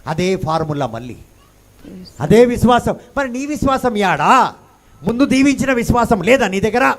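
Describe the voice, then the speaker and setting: A man preaching a sermon, firing rhetorical questions and swinging between hushed and loud delivery, mixing in English phrases. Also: very high-pitched, very animated, moderate pace. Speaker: pastor.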